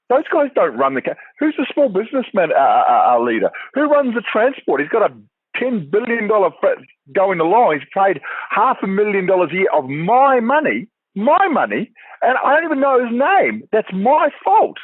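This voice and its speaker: A man, talking in an animated, rambling and emphatic way in a casual panel discussion. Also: high-pitched, breathy edge, no echo. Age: 40s. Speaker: podcast panelist. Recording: tinny phone-like call audio.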